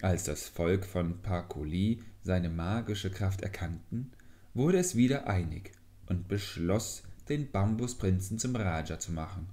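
A man narrates a fairy tale for an audiobook in a deep, low voice. His pace is unhurried and measured, and the delivery stays even throughout. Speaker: audiobook reader.

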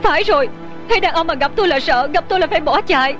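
A fierce, proud young tea-shop owner in a dubbed TV drama, her voice very high and her words coming fast. She sounds sharp-tongued and tearful, with a music score playing clearly behind her. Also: expressive. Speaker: voice actress. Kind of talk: Vietnamese dub of a Hong Kong TV drama.

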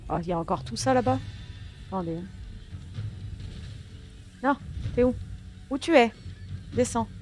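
A woman hosting a gaming channel gives laid-back gameplay commentary in a slightly high, expressive, unhurried voice with a darkish tone. She chats with viewers as if they're friends, talks back to the game, and swears at it lightly, with soft music playing underneath.

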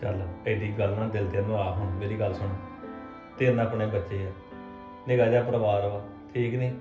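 A man's voice: lowish voice, little pitch movement, fairly quick, roomy sound, lo-fi sound, over music, natural voice. A man playing a peacemaking husband. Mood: soothing. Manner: soothing, keeps asking for agreement. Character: peacemaking husband caught between mother and wife. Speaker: husband in a family drama. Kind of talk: scripted domestic drama acting.

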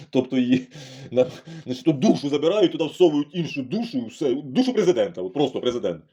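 A man's voice: medium pitch, sing-song, fairly quick, warm tone, breathy edge. A middle-aged man giving a profane, heated and sarcastic monologue as a political commentator. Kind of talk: ranting monologue.

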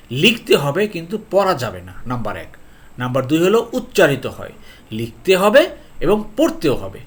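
A man teaching Arabic grammar for reading the Quran. He teaches lively, stresses his words, keeps asking whether it is clear, and slows down to read verses out. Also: fairly high pitch. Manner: speaks slowly when reading out verses. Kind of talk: lesson on a video channel.

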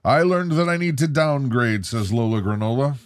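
A middle-aged man co-hosts a casual home live stream, reading viewer comments with a playful, showy announcer flair. His voice sits at an ordinary middle pitch. The sound is dry and close, from a desk microphone in a living room. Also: animated, moderate pace, no room sound. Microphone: desk microphone on arm.

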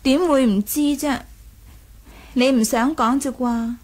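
A young noblewoman with a high, darkish voice speaks in the manner of 1980s radio drama, at a measured pace with fairly even intonation. Proud and willful, she swings from coy to imperious, with a ruthless, teasing edge. Her mood is probing and insistent.

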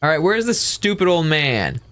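A man's voice: a little high, sing-song, moderate pace, a bit bright. A man hosting a casual game playthrough, narrating his moves with goofy jokes. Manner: goofy, joking commentary. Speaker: let's-play host. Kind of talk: casual let's-play banter.

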